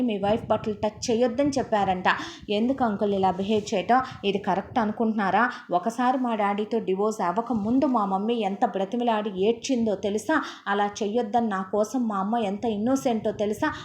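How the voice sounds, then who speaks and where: A woman's voice: medium pitch, a little mellow, slight background noise, pitched above the performer's own voice, natural voice. A woman voicing a teenage schoolboy who angrily lectures his stepfather, in a storytelling narration. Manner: indignant, lecturing, rapid reproach.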